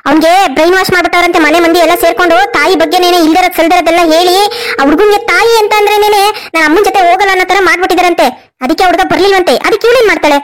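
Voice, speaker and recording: A woman's voice: extremely high pitch, steady tone. A woman as a fierce, protective mother. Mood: indignant. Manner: indignant, rapid scolding. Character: older mother, fiercely protective of her daughter. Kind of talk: cartoon voice acting.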